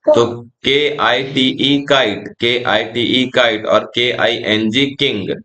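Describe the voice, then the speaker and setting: A young man with an Indian English accent teaching phonics in a classroom style, spelling out letters and sounds slowly and calling his learners "beta". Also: mid-range voice, sharp tone.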